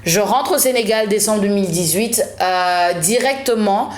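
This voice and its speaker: Lively woman telling her career story. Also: mid-range voice, normal speed. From Senegal. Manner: lively storytelling, slips into English phrases. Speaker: guest, journalist and TV presenter. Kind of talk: casual interview chat. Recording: roomy studio sound.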